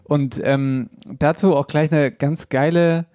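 A man hosting a casual dialect podcast, talking in a lively way and laughing often. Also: fairly high pitch, no echo, studio quality. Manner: lively, laughing, quick back-and-forth. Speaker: podcast host. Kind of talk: casual chat.

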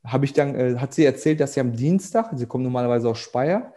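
A man's voice: medium pitch, lively intonation, a little fast, dark tone. A man guest on a podcast, telling a personal story casually with many fillers and quoted dialogue.

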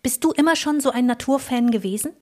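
Higher-pitched woman presenting a travel podcast. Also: fast, crowd noise. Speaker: co-host.

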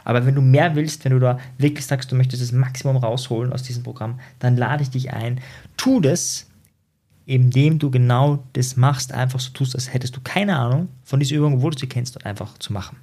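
A male psychologist giving a motivational self-help lesson in a slightly husky, mid-pitched voice. He speaks directly to the listener and checks in often with short tag questions. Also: a little fast, dark tone. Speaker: psychologist and coach.

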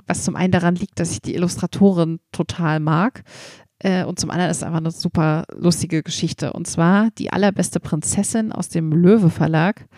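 A woman's voice: lowish voice, mellow, no echo, clean studio sound. A woman hosting a podcast, talking casually in a chatty way with many fillers and restarts. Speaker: podcast host recommending children's books.

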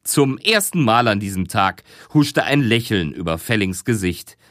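A man narrating a crime audiobook in a measured, expressive storytelling manner. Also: lowish voice, no room sound, studio quality. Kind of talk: scripted narration.

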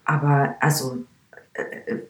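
A woman's voice: rumbling low, flat delivery, slow pace. A woman in her thirties from Bavaria, talking bluntly and laughing often as a guest in a casual podcast chat. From Bavaria, Germany. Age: 30s. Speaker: guest, hairdresser. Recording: roomy echo.

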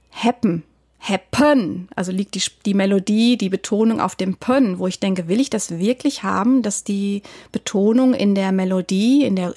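A woman's voice: medium pitch, a little mellow, no echo. Thoughtful woman songwriter, dry close sound. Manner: thoughtful, explaining at length with examples. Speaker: songwriter and singer. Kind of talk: interview answer.

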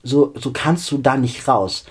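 A man voicing a kind young female vampire who gently soothes a crying girl in a storybook reading. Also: mid-range voice, a little slow, husky. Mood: coaxing.

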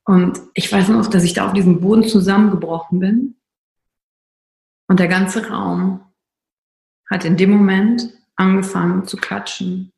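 A woman's voice: medium pitch, steady tone, unhurried, vocal fry, darkish tone, roomy sound, poor audio. A woman telling a personal motivational story in an emphatic, confessional way, repeating phrases for stress. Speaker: speaker.

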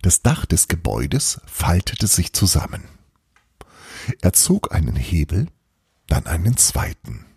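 A man reading a children's story aloud, slow and expressive, with a low, husky voice. The recording is dry and close. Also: dry recording. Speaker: reader.

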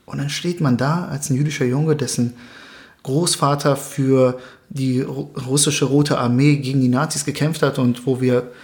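A young man from Germany, speaking as an interview guest in a thoughtful, measured way with occasional hesitations. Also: mid-range voice, fairly even intonation, a little mellow. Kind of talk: earnest interview conversation.

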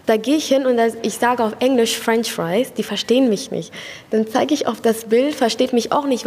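A young woman from Afghanistan gives earnest, thoughtful answers in a slightly high voice, with fillers here and there. Her voice rings with a long echo in the room. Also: a little mellow, husky. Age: young adult. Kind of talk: casual interview answers.

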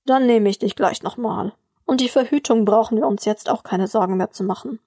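Ein gelassener, selbstsicherer Barbesitzer, von einer Erzählerin gelesen, der langsam und beschwichtigend redet. Die Stimme bleibt recht hoch und klingt trocken und nah. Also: female voice, a little high, brisk, warm tone, breathy edge, dry recording, clean studio sound. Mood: smug. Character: older man, bar owner, calm and self-assured.

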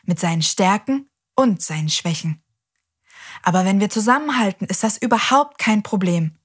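A woman's voice: mid-range voice, lively intonation, moderate pace, slightly rough. A woman hosting a children's show who talks to the kids directly in a cheerful, reassuring way.

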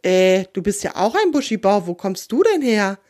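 A woman's voice: medium pitch, very animated, moderate pace, a little mellow, natural voice. A woman voicing a curious, easygoing male creature from an island in a children's storybook.

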